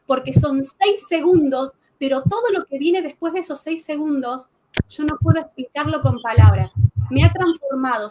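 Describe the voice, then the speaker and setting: High-voiced animated woman coach. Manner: animated, emphatic storytelling. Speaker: coach and host. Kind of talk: motivational talk on a video call.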